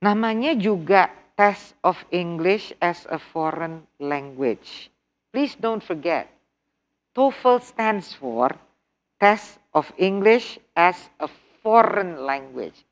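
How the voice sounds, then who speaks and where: A middle-aged TOEFL instructor with an Indonesian accent teaches an online workshop lesson at a relaxed pace, in a lowish, animated voice. She switches between English and Indonesian, repeats key words as drills and constantly questions her students.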